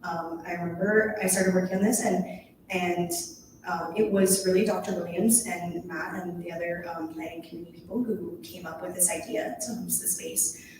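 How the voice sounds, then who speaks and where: A woman's voice: lowish voice, fairly even intonation, moderate pace. A young woman around twenty, moderating a panel in a small room, friendly with many ums. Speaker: conference coordinator and moderator. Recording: echoey room from far off with noise.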